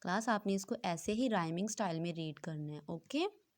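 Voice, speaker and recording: A woman's voice: on the low side, animated. Woman teacher talking through a class lesson. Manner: explains in Hindi, reads English text slowly. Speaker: school teacher.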